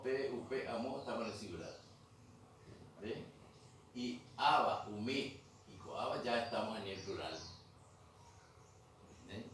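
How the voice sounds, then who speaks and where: A man's voice: mid-range voice, a bit bright. A man teaching a grammar class in a museum room, patiently repeating terms and checking that students follow. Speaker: language teacher. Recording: echoey room, mic far off, faint noise.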